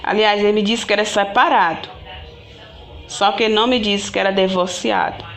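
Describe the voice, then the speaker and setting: A woman's voice: medium pitch, steady tone, a little fast, a bit bright, faint music behind. A woman telling her own story to viewers in a rambling, repetitive way, often restarting and speaking to them directly. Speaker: vlogger. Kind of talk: casual personal storytelling to viewers.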